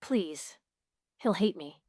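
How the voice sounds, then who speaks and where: Woman narrator doing a desperate stepmother: tearful, begging, low voice, dry read. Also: animated, takes it slowly, warm tone, no room sound. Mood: pleading, tearful. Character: pleading middle-aged stepmother, desperate and broken.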